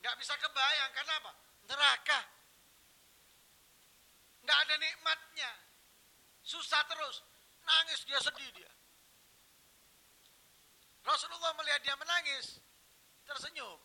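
A man preaching a sermon, telling stories and swinging from hushed, quiet phrases to loud, emphatic ones. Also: very high voice, fairly even intonation, a little slow, long pauses, low-quality recording.

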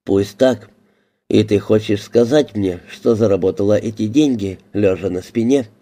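A suspicious male police detective presses with blunt, interrogating questions, as a man reads him aloud. The voice is low and dark, with a mellow tone. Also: normal speed, natural voice.

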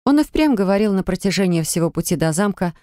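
Woman narrating with a mellow voice. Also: mid-range voice, animated, fast, no room sound, clean studio sound. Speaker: audiobook narrator. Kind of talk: first-person audiobook narration.

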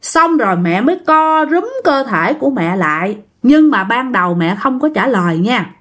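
A woman's voice: a little high, very animated, moderate pace, fairly bright tone. A woman casually telling a ghost story, chatting directly to her listeners.

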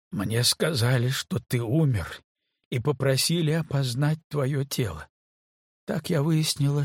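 A man's voice: medium pitch, breathy edge, no room sound, clean studio sound. A man voicing a desperate pregnant young woman who pleads and cries out in an audiobook. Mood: quiet. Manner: pleading, breaking into shouts.

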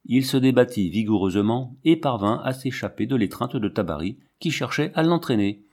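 A man reading a novel aloud as narrator, with a dramatic, expressive delivery. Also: mid-range voice, moderate pace. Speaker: audiobook narrator. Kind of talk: scripted narration.

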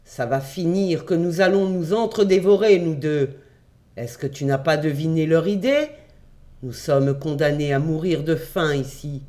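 A man's voice: fairly high pitch, unhurried, mellow, lightly acted. Sardonic boy cousin, dry and blunt, a guy reading it out in a storybook voice. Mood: sinister. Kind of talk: audiobook reading.

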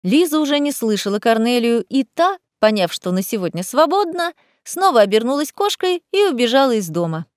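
A woman narrating an audiobook in a lively, expressive storytelling manner. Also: on the high side, brisk, hardly any pauses, no room sound, studio quality.

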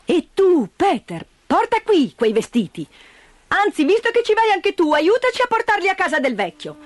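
A woman voicing an impatient aunt who speaks in a brisk, scolding way in a storybook reading. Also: extremely high pitch, big pitch swings, no room sound, voice pushed up.

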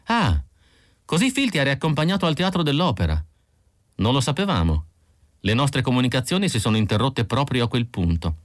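A man's voice: mid-range voice, very animated, brisk, no room sound, clean studio sound, pitched above the performer's own voice, lightly acted. A man reading an audiobook, voicing a young female android who sounds tense and pleading, in a raised voice. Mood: brisk. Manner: anxious, breathless pleading.

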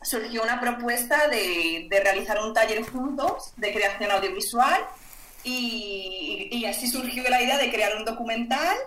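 Woman, bright and steady, talking in an echoey room; reflective, explaining. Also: on the high side, unhurried, a little hiss or hum. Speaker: social integrator, co-founder. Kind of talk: explaining in a radio conversation.

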